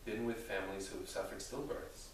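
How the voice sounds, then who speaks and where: A man speaking as a rabbi, answering theological questions in a deliberate, thoughtful way with careful qualifications. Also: on the low side, little pitch movement. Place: reverberant indoor room with an audience. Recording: very echoey room, distant mic, faint noise.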